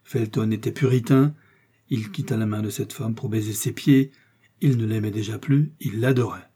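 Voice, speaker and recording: A man narrating a classic novel in audiobook form, with measured, expressive storytelling. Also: fairly low pitch, husky.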